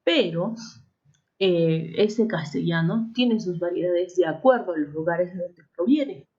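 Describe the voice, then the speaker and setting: Peruvian teacher with constant tag questions. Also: female voice, on the low side, a little slow, a little mellow, highs cut off. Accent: Peruvian Spanish, Arequipa. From Peru. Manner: frequent tag questions and self-corrections. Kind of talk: classroom lesson.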